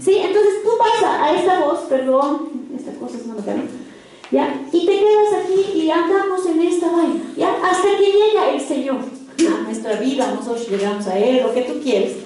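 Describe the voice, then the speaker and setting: A woman with a very high voice teaches an interactive sermon and keeps checking in with her listeners through short questions. The recording comes from a very echoey hall, with the mic set well back from her. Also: normal speed, a little mellow, recorded from a distance. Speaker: preacher teaching a congregation.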